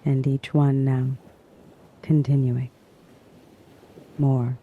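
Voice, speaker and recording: A man narrating a guided sleep hypnosis in a hushed, soothing manner, in drawn-out phrases with long pauses. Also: mid-range voice, flat delivery, dull audio, a little hiss or hum.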